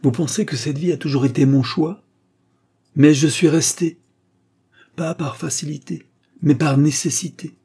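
A man's voice: on the high side, fairly even intonation, unhurried, pauses often, warm tone, slightly rough, pitched above the performer's own voice. A man voicing a stern, proud aristocratic father, an aging marquis, in an audiobook, solemn and insistent.

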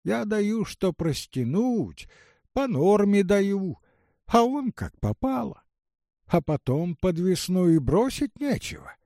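A man's voice: high voice, sing-song, slow, mellow, no echo, studio quality, full character voice. A man reading an audiobook, voicing a meek old village woman who complains wearily. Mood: complaining. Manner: plaintive, weary.

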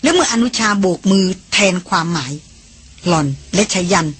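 Breathy woman narrating an adventure novel. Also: on the low side, normal speed. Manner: steady, descriptive storytelling. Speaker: audiobook narrator. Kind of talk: scripted narration.

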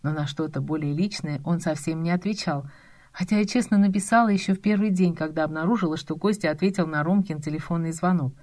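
A young adult woman giving expressive, confiding first-person audiobook narration with a lightly sarcastic edge. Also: deep voice, fast talker.

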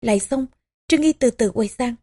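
A woman narrating a historical novel as an audiobook, in measured, even storytelling. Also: on the high side. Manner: measured, even storytelling with small voicings for characters.

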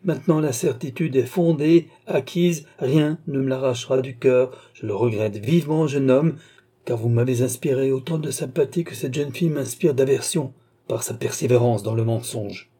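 Audiobook: grave elderly doctor, read by a man, dark and husky, stern. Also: mid-range voice, moderate pace, close to an everyday voice. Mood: cold. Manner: solemn, insistent. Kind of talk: audiobook character reading.

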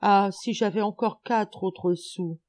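A crude, excitable country schoolboy bellowing and cursing in coarse slang, his voice pitched high and pushed loud, as a woman reading a storybook puts him on. The tone stays mellow and warm. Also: a little slow. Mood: whining. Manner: coarse rural slang, shouting and swearing.

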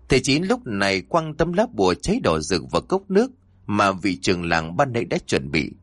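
A male storyteller narrating a horror tale with suspense. His voice sits low but moves a lot in pitch, and the sound is dry and close with no room echo. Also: breathy edge.

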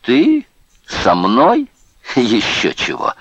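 A man's voice: medium pitch, huge pitch swings, very slow, fairly bright tone, slightly rough, dry recording, voice pushed up, exaggerated voice. A man voicing a brutal male camp guard who mocks and sneers at a prisoner, in an audiobook reading. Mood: jeering. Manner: jeering, sneering.

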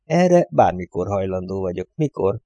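A dry, teasing wife, low and wry, as a male reader puts her on. The tone is mellow and warm, and the sound is close and dry. It comes from an audiobook. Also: sing-song, no room sound, muffled recording.

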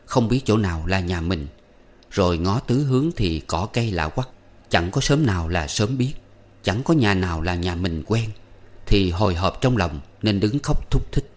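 A man narrating a storybook in a steady, measured reading voice. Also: low voice. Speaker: audiobook narrator.

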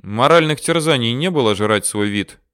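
A man's voice: mid-range voice, lively intonation, moderate pace, fairly bright tone, clear, resonant tone, no room sound, clean studio sound, close to an everyday voice. A man voicing a wry, defiant older father who teases and stands his ground.

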